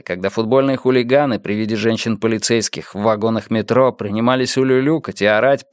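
A man reading an audiobook in steady scripted narration. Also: mid-range voice, dry recording, studio quality.

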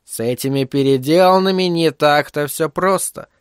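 A man's voice: fairly high pitch, clear, resonant tone, no echo, studio quality, natural voice. A man doing a thoughtful woman journalist. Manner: measured, thoughtful.

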